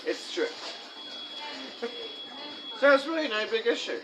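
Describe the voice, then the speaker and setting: A man's voice: very high-pitched, very animated, unhurried, background noise. Rambling man eating and complaining. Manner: rambling, complaining, laughs often, talks with mouth full. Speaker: vlogger. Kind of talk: casual chat to camera. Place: fast food restaurant. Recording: music playing in the background. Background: background music.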